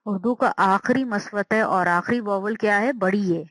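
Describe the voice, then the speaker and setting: A woman teacher giving a slow, patient language lesson, sounding out words and repeating them. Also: mid-range voice, no room sound, rough recording.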